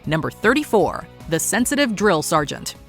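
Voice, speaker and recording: Lively woman narrating. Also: fairly low pitch, normal speed, music in the background. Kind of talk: scripted countdown narration.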